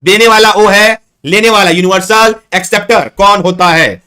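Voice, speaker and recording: A man's voice: high voice, normal speed, pushed and bright, clear, resonant tone. A man teaching a live online exam-prep class, repeating questions and coaxing his students to answer. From Chhattisgarh, India.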